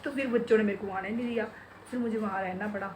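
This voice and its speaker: A middle-aged woman who vlogs from home, moving between bedroom and kitchen, chats casually with viewers and coos baby talk at her pet bird. Her medium-pitched voice runs fast with fairly even intonation. There's slight background noise.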